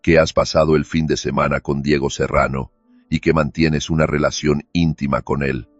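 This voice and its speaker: A man voicing an unflappable senior law firm boss who speaks slowly, evenly and without emotion, probing with pointed questions. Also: rumbling low, little pitch movement, no room sound. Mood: impassive. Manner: slow, measured, emotionless, probing. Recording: dull lo-fi recording with faint music.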